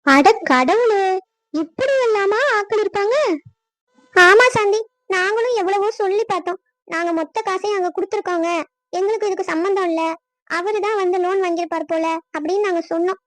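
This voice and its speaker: Emotional, pleading village women in a cartoon, voiced by a woman. The voice is very high, almost childlike, and every line leans on feeling. The sound is dry and close, with no room around it. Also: brisk, a bit bright, no echo. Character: adult village women, sisters and wives. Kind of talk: cartoon dubbing.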